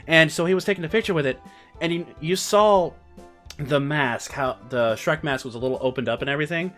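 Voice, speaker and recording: A young man vlogger telling a story in a casual, rambling way, excitable and full of fillers. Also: a little high, a little fast, soft background music.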